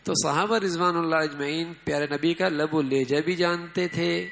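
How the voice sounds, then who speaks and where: A man gives an Islamic sermon in a loose, conversational way, often tossing questions to his listeners. His voice sits a little high and has a gravelly rasp. He leans hard on quoted lines when he acts them out. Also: fairly even intonation, noisy background. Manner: conversational, asks the audience often. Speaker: preacher.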